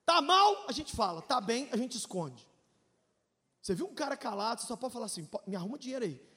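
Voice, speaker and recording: With a sing-song, brisk delivery, a very high-pitched Brazilian pastor in his 40s gives a testimony sermon in a hall with long reverb. His emotional storytelling moves between loud shouted peaks and quiet, confiding moments, sprinkled with jokes.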